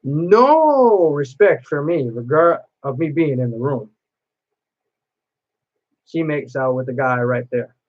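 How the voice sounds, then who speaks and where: A man's voice: fairly high pitch, expressive, slow pace, long pauses, dull audio. A man chatting to camera as a cosplay vlogger, telling a long personal story in a rambling way with many restarts.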